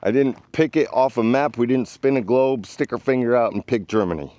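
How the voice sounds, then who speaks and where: A man's voice: medium pitch, brisk, a little mellow. A middle-aged man from the United States giving direct, earnest advice in a casual vlog, a little out of breath while carrying a tripod. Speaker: vlogger.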